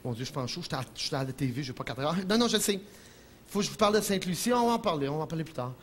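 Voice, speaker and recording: A man with a Quebec French accent doing an animated stand-up comedy monologue in a television studio, breaking into impressions. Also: fairly high pitch, racing, a little hiss or hum. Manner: animated, jumps into shouted impressions, chuckles at own jokes.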